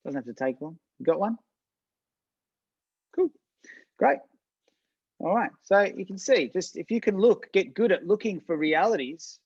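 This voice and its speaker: In a dry recording with the highs cut off, a fairly high-pitched man coaches an online business workshop. His style is informal and chatty, with repeated words, restarted sentences, and frequent direct check-ins with the audience.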